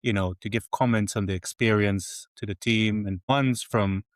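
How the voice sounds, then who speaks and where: A man's voice: on the low side, fairly even intonation, moderate pace, dry recording. A man in his forties, originally from Israel, talking candidly and with light self-mocking humour as a guest on a podcast interview. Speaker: guest, games company CFO.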